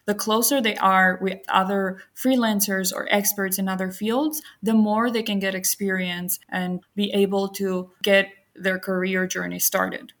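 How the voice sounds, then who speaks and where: A young woman from Albania, a podcast guest, answering questions in an earnest, open and personal way. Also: medium pitch. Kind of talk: reflective interview answers.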